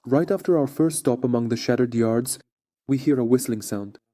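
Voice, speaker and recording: A man's voice: medium pitch, moderate pace, noisy background. A man narrating a scripted frontline report as a war correspondent.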